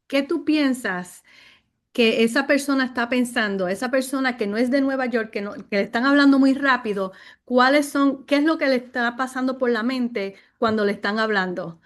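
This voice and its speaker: Woman, higher pitch, lively casual talk, laughs often, addresses the group. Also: moderate pace. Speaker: real estate mastermind participant.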